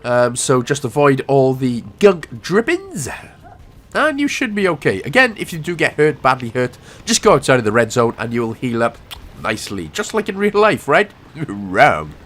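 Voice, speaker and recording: A man's voice: mid-range voice, moderate pace. A man, ill with a cough, giving a casual, jokey commentary over a game walkthrough. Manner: jokey, animated, self-mocking asides.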